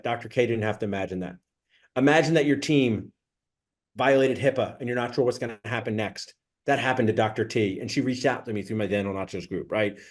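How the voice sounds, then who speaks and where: A man hosting a rehearsal for sponsor introductions, enthusiastic and coaching, laughing often. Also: medium pitch. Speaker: host running a sponsor rehearsal. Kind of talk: coaching, casual and upbeat.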